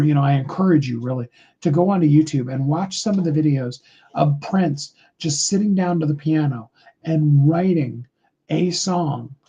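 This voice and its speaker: On a live call, a middle-aged man with a high tenor voice gives an earnest, rambling motivational talk packed with fillers. His tone is dark and gravelly, slightly rough.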